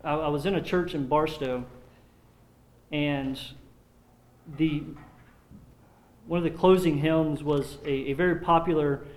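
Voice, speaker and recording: A man preaching a sermon in an earnest, measured way, sometimes repeating words as he restarts a phrase. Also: on the high side, steady tone. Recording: echoey room.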